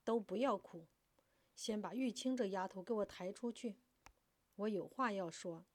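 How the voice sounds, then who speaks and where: A woman voicing a stern, commanding old male clan elder who speaks slowly and weightily. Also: mid-range voice, mellow, close to an everyday voice.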